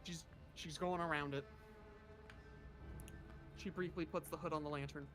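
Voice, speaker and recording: Player in a tabletop game, mid pitch, steady third-person narration, loud music in the background. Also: normal speed. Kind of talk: narrating own character's actions in a tabletop game.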